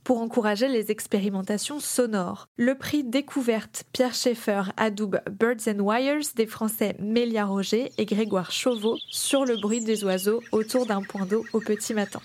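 A woman's voice: on the high side, measured pace, hardly any pauses, a little mellow, slight background noise. A woman journalist hosting a podcast, reading scripted narration.

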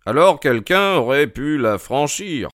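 Man doing an eager, exacting detective for an audiobook: brighter and higher than the narrator, probing, crisp, dry sound. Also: no echo. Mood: inquisitive. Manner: quick, questioning, excited interjections. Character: keen, probing male detective, eager and precise. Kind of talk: audiobook character reading.

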